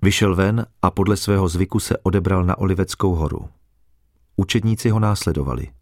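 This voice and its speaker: A man reads a scripture passage aloud with a steady, solemn delivery. His voice is very low and deep. The recording is dry and close, with no echo. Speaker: scripture reader. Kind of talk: scripted Bible reading.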